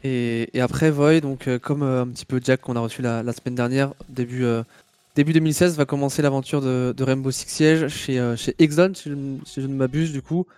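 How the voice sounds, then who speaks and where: A man co-hosting a casual interview, asking questions in a halting way with repeated words. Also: mid-range voice, fairly even intonation, a little mellow, smooth, dry recording. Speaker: podcast co-host.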